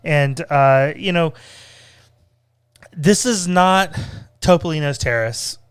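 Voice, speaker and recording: A man with a smooth, clear voice chats through a casual restaurant review. He hesitates and repeats words as he goes. The sound is dry and close, with no room echo. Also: fairly high pitch, slow pace. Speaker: co-host reviewing theme park restaurants. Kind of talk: casual conversational food review.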